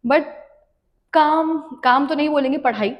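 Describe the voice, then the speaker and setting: A young woman speaks as a podcast guest in a fairly high voice, slipping English words into her Hindi. She tells her story at an easy, reflective pace, like casual conversation. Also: measured pace, dull audio. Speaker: podcast guest, devotional content creator. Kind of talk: casual interview chat.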